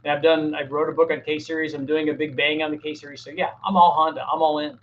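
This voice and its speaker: Speaking fast and flatly in a slightly high voice, a middle-aged man hosts a casual live Q&A and gives plain answers to technical questions from viewers, regularly restarting his sentences. The dull-sounding recording comes from his home workshop, where a fan is running.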